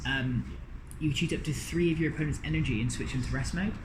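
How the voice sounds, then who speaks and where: A man's voice: a little high, quick pace. A man giving casual, sweary, blunt commentary on a card game in an informal chat. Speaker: card game box opening presenter. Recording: echoey room with constant background noise.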